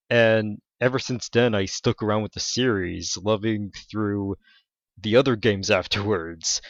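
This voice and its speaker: A man's voice: lowish voice, a bit bright, no echo. A man speaking enthusiastically and a bit repetitively in a casual monologue. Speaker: fan. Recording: dull lo-fi mic.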